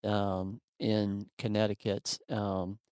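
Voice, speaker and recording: A man hosting an interview, relaxed and chatty, filling his sentences with ums. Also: on the low side, slow, smooth, dry recording, clean studio sound. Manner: relaxed, filler-heavy with frequent ums. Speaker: podcast host. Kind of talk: casual interview.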